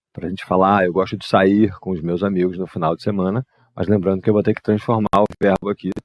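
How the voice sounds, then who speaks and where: A man, teaching English grammar and patiently explaining exercises, reading the English examples slowly. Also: sits low, no echo. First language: Portuguese.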